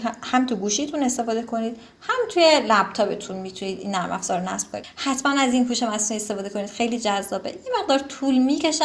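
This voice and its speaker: A woman giving a casual screen-recorded software tutorial, relaxed and chatty, with frequent fillers and self-corrections. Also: a little high.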